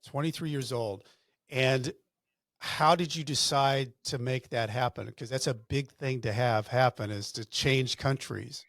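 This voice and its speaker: A man's voice: medium pitch, a little slow, a bit bright, dry recording, studio quality. A man hosting an interview podcast, talking conversationally with fillers and restarts. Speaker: podcast host. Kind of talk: interview podcast with sponsor read.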